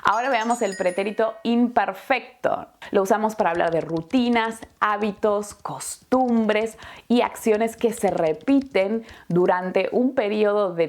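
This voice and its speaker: Female teacher, slow, deliberate lesson delivery, patient tone. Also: mid-range voice, a little mellow. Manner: patient, adds checking tags like "¿sí?" and "¿no?". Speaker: Spanish teacher. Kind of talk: slow, clear explanatory lesson.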